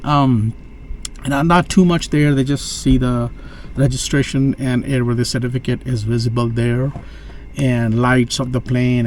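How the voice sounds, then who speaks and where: A man's voice: mid-range voice, a little mellow. Man chatting casually over background noise. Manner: halting, loosely phrased, repeats himself. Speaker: student pilot telling his story. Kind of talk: casual vlog storytelling.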